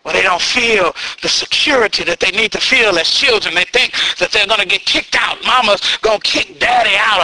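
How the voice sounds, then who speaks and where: A man preaching into a pulpit microphone, his voice pitched very high with a sharp, piercing brightness. He calls out to the congregation again and again and climbs to shouted peaks before settling into prayer. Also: a little hiss or hum, low-quality recording. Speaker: pastor. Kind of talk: sermon then prayer.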